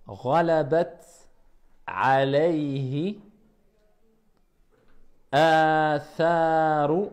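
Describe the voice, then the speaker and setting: A man's voice: on the high side, a little mellow. A man teaching a reading class, patiently repeating words and correcting his pupils.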